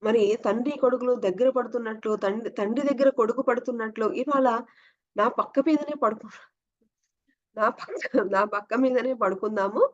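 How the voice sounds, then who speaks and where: A woman's voice: fairly high pitch, a little fast, lo-fi sound. A woman telling a devotional story with commentary, explaining as she goes and often addressing her listeners directly.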